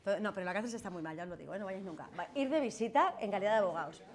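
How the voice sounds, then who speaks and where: A woman's voice: medium pitch, animated, very fast. Brief: middle-aged Spanish woman, lawyer lecturing a class, conversational, faint room noise. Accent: Spanish from Spain. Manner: chatty, asks "¿vale?" and "¿no?" often, acts out quoted voices. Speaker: lawyer giving a masterclass. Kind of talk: lecture to students with Q&A.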